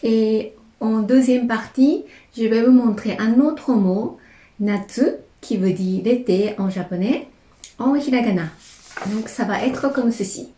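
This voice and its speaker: Slow, calm woman teaching calligraphy. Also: on the high side, reverberant, poor audio. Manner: slow, calm, describing each stroke as she writes. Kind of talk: step-by-step brush lesson.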